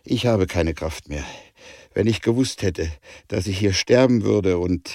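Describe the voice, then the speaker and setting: A man's voice: low-pitched, a little slow, mellow, no room sound, studio quality. A man voicing a young hero in an audiobook, earnest and dejected. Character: young male hero, discouraged but resolute.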